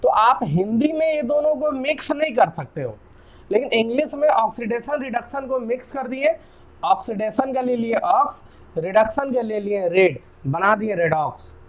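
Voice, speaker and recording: A young Indian man with an Indian accent, giving a chatty chemistry lesson and often checking "clear?". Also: very high-pitched, expressive, normal speed, muffled recording. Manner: chatty, repeats key terms, asks "clear?". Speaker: chemistry teacher. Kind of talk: casual classroom lecture.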